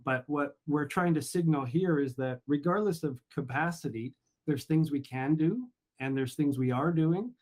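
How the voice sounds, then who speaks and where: A man's voice: mid-range voice, darkish tone. A man on city staff answering a councillor at a council meeting, repeating words and using many fillers.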